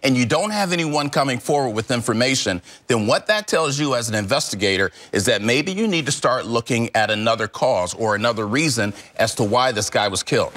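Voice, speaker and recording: A middle-aged man, a former homicide detective, answering questions in a live TV news interview in a measured, emphatic way, stressing key words. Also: medium pitch, expressive, a bit bright.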